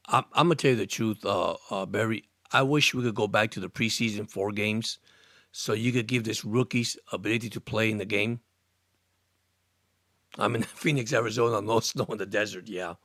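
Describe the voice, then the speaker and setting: A man of about sixty, born in Cuba and raised in Miami, hosts a casual sports live stream, answering viewer comments in an earnest, rambling way, repeating words and restarting sentences. His voice is lowish and a bit bright at normal speed, recorded on a studio microphone with clean sound and no echo.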